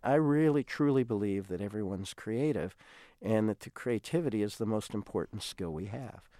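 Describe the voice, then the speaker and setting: A man's voice: on the low side, expressive, moderate pace, dark tone, dry recording, studio quality. A man, a songwriter who leads children's music workshops, telling stories in a radio interview and acting out the voices he quotes.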